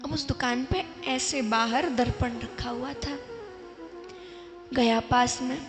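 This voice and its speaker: A woman devotional storyteller telling a religious story in an animated way, acting out voices, at a live event in a large hall. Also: sits high. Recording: echoey hall with long reverb.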